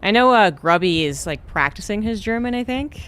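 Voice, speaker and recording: Casual gameplay chat from a man with a high, smooth voice speaking at normal speed. He streams and rambles in a relaxed manner, using plenty of fillers.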